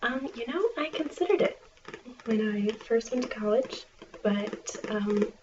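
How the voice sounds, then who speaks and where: A woman doing an ASMR role-play as a friendly, chatty small-town librarian, speaking in a soft, murmured library soft voice. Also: on the high side, unhurried. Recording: distant, muffled, clearly noisy recording.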